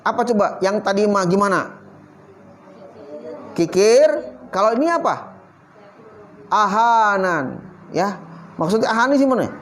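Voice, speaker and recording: High-voiced man quizzing his listeners. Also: animated, a little slow, pauses often, fairly bright tone, a little hiss or hum. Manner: quizzes the audience with constant questions; mixes recited Arabic verses with casual slang. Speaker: Islamic religious teacher. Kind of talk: Quran study talk to a youth group.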